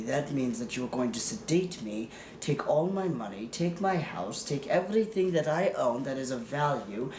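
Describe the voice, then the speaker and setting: A man with a somewhat high, slightly mellow voice plays a suspicious wealthy client in an improvised comedy sketch, speaking campily and theatrically and stretching out the ends of "darling" as he calls people that. There is a roomy echo and slight background noise.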